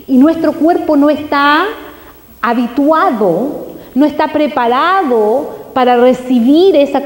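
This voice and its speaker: A woman giving a live health talk to an audience, asking it many quick questions. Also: high voice, darkish tone. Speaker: health speaker. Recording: echoey hall.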